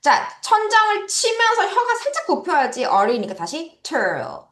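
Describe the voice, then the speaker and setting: A woman's voice: very high voice, very animated, moderate pace, fairly bright tone, echoey room. A Korean woman teaching English vocabulary to children, repeating words and correcting their pronunciation.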